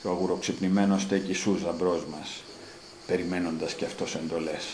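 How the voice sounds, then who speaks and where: A man's voice: low voice, steady tone, darkish tone, a little hiss or hum. A man reading his own literary prose aloud, with dramatic rising emphasis on repeated phrases. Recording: roomy echo, faint ambience.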